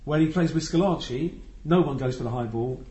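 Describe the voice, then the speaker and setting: A man's voice: on the high side, brisk, reverberant, lo-fi sound, over a noisy crowd. A man co-hosting a casual football podcast, wry and grumbling. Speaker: podcast co-host.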